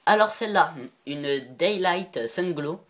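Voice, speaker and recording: A male video maker who keeps reptiles does a loose, chatty show-and-tell in a high-pitched, slightly bright voice at an unhurried pace. He rambles from one item to the next, breaks into giggles, and freely admits he isn't sure of the details.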